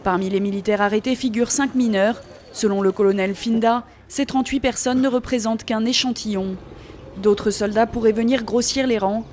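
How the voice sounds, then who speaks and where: A woman narrating a scripted news report in a measured, even way. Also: a little high, slight background noise.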